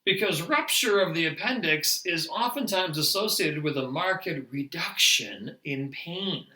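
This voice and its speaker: A man teaching nurses in a lively, emphatic lecture, now and then laughing at himself. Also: on the high side, reverberant, rough recording. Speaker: nurse educator. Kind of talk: medical lecture.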